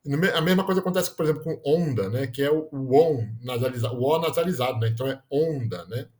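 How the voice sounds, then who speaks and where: This male teacher explains grammar quickly, his medium-pitched voice a little mellow. He keeps checking in with "né?" and corrects himself mid-word.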